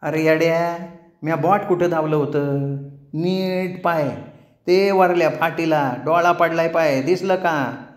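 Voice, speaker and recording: A man's voice: fairly high pitch, slow, pitched above the performer's own voice. A man voicing a mischievous, bold village girl in a rural Marathi dialect, scolding and teasing. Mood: bossy teasing. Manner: scolding, loud, playful. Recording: roomy echo.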